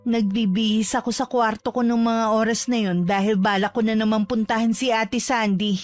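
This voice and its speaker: Woman narrating a story over soft music. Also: on the high side. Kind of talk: scripted first-person story narration.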